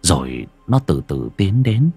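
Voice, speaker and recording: A man narrating a horror story with dramatic, suspenseful pacing and sharp rises and drops. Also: deep voice, sing-song, measured pace, slightly rough, soft background music.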